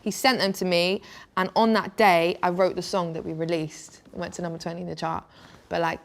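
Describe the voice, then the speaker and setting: Animated northern English woman. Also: fairly low pitch, fairly quick, creaky. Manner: blunt, animated storytelling. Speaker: guest singer-songwriter. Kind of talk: casual interview chat.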